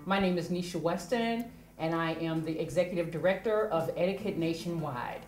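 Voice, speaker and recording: A woman's voice: on the low side, normal speed, soft background music. Chatty woman interviewer, lots of restarts. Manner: lively, stumbling over restarts, chatty. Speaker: host, executive director. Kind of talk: casual interview.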